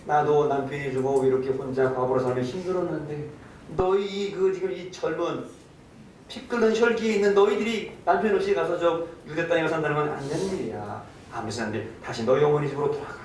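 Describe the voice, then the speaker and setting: Pastor preaching in an echoey church. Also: male voice, steady tone, a little fast, darkish tone. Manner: storytelling, acting out quoted lines and asking the congregation questions. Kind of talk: sermon. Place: church sanctuary. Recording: echoey hall, distant mic, faint rumble.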